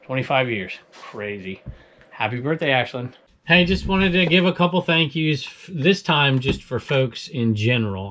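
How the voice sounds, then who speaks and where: This eBay reseller and show host, a Southern California man in his forties with a Southern US accent, runs a casual reselling vlog. He rambles chattily with frequent chuckles, his medium-pitched voice fairly bright over a little hiss or hum.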